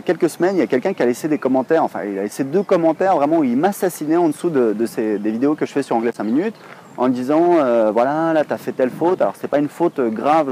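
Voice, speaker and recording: Chatty French vlogger man, mellow voice. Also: medium pitch, a little hiss or hum. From France. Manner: chatty, rambling, many hesitations. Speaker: online English teacher, blogger. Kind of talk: casual to-camera vlog.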